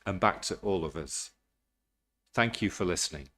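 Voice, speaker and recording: A clergyman giving a measured, formal address. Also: deep voice, animated, fairly bright tone.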